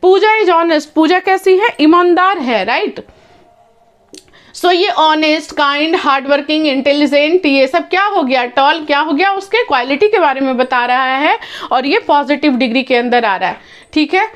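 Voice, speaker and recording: Indian english teacher lady, high voice, talks slow, mixes hindi and english, keeps quizzing the kids. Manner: mixes Hindi and English, repeats questions to students; slow, drawn-out English phrases, quicker Hindi explanations. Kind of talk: classroom grammar lesson.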